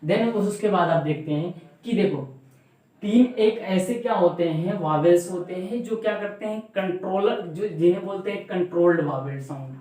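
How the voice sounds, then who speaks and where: A man's voice: high voice, moderate pace, darkish tone. A man teaching a class, repeating example words and asking the learners questions back. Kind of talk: classroom grammar lesson. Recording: very echoey room.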